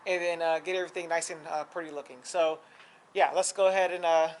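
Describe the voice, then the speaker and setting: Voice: medium pitch, fairly even intonation, fast, a little hiss or hum. A car vlogger chatting outdoors while hauling gear around, a little out of breath. The talk rambles loosely, full of "uh"s and restarts. It sounds like an easygoing, unscripted vlog caught on a camera mic. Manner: rambling, loose, many fillers. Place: outdoors by a car, prepping a pressure washer.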